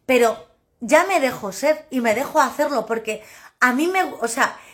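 A woman talks to her live-stream viewers as a personal development coach. Her voice sits a little high. She speaks loudly and emphatically and often breaks into laughter. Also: expressive, moderate pace.

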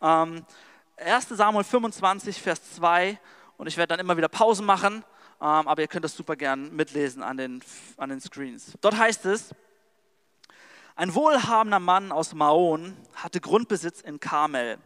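A man's voice: a little high, moderate pace, fairly bright tone, clear, resonant tone, big-room sound. A male preacher giving a sermon. He retells scripture in casual, slangy language and talks straight to the audience. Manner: casual and slangy storytelling, addresses the audience directly.

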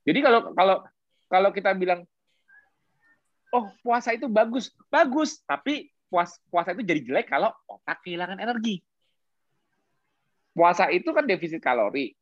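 A speaker explaining health science in casual podcast talk, animated, posing rhetorical questions and mixing in English terms. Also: medium pitch, brisk, no echo, muffled recording.

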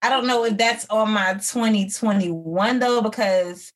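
A relaxed woman talks with friends at an easy pace, often stopping on little fillers as she thinks. Her pitch sits in the middle of the range. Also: unhurried. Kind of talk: casual chat among friends.

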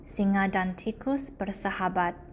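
A woman narrating a children's fable, reading slowly and clearly at an everyday middle pitch. A faint hiss sits under her voice. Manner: slow, clear storybook reading. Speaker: storyteller. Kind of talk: children's story read aloud.

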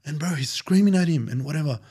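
A man's voice: on the high side, lively intonation, fast, warm tone, husky. A man telling a personal story in a casual chat, peppering it with Arabic phrases and "bro".

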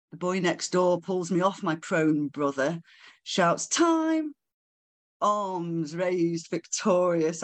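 An author reading their own poems at a live book launch, in a slow, measured way, with casual chatty asides between poems. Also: mid-range voice.

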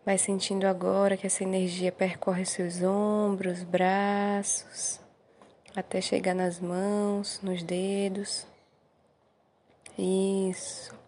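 Leading a guided meditation, a Brazilian woman speaks slowly in a mid-range voice with flat delivery, yet her manner is soothing and gentle. She drops brief encouraging phrases between instructions without hurrying, over a faint ambient background noise.

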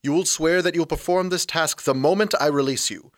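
A man's voice: fairly high pitch, a little fast, no echo, lightly acted. A man voicing a sarcastic, unflappable male vampire in an audio drama. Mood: smug. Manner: dry, sardonic deadpan.

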